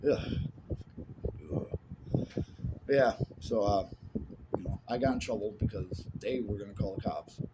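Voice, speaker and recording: A man's voice: on the low side, moderate pace. A man telling stories from his life in a casual monologue. He talks bluntly, swears, and fills his speech with asides and fillers. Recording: loud steady background noise.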